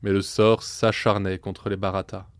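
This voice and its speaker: Male storyteller, low voice, measured scripted narration, dry close mic. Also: level tone, smooth, no room sound.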